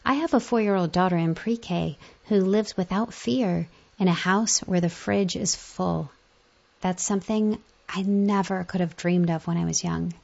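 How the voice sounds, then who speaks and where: A woman reads magazine articles aloud in a fairly low, slightly mellow voice with a pronounced creak. The recording is somewhat dull and muffled.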